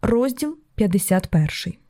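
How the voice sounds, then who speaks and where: A woman narrating an audiobook with a brisk, expressive reading. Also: mid-range voice, dry recording, clean studio sound.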